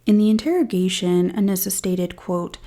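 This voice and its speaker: A woman hosts a true crime podcast on a studio-style mic, retelling a case with dry, sarcastic asides. Her voice is mid-range and dark, at normal speed.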